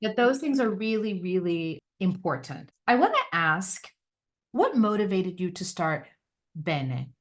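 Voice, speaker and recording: A woman hosting a podcast conversation with lively enthusiasm, often rising with delight as she affirms her guest. Her voice sits at a middle pitch and unfolds in an open, conversational way. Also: measured pace. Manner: warm, enthusiastic, animated interviewer. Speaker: podcast host.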